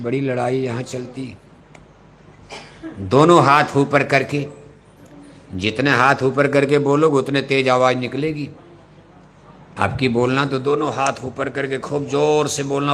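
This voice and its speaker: A man preaching a devotional sermon into a microphone, firing off rhetorical questions and leading the crowd in shouted call-and-response. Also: mid-range voice, steady tone, measured pace. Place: open gathering before a large audience.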